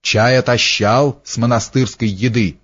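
Мужчина озвучивает грубого хрипловатого разбойника, ругающегося по-простонародному. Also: male voice, medium pitch, steady tone, measured pace, a bit bright. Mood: деловито. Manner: rough, swearing. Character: Семён, coarse hoarse robber, cursing. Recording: dull lo-fi recording.

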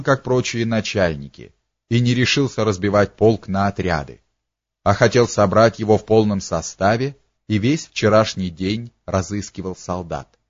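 Low-voiced man reading a historical tale. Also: dry recording, muffled recording. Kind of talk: audiobook narration.

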